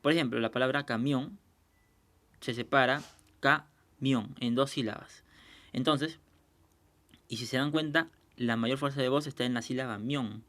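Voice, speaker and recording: A man teaching a recorded lesson, explaining patiently, checking understanding and slowing down to sound out example words. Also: mid-range voice, a bit bright.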